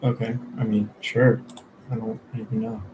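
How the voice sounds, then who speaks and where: With a lowish voice and flat delivery at normal speed, a student talks himself through exam prep, murmuring questions to himself and letting sentences fade when he isn't certain. Background noise is audible behind him.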